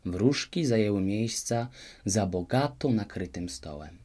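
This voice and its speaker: Lively male fairy-tale narrator. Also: fairly low pitch, a little slow. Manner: expressive, lively storytelling. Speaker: audiobook reader.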